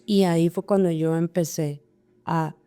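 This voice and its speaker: A woman's voice: lowish voice, steady tone, unhurried, mellow, clear, resonant tone, soft background music. A woman who is an interview guest, telling her life story in an emotional way and repeating words as she remembers. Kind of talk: personal life story in conversation.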